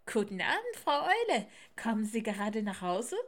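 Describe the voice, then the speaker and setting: A woman's voice: fairly high pitch, very animated, normal speed. A woman voicing a chattering, helpful squirrel with a chirpy manner in a storybook reading.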